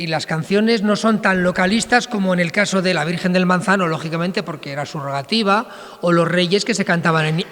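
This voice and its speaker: Man, folk singer addressing a crowd, quick and chatty with lots of fillers, long hall echo. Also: high voice, a bit bright. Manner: rapid, chatty, full of fillers and tag questions. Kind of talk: spoken introduction at a public event. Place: large reverberant hall at a public presentation. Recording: long hall reverb in a large space.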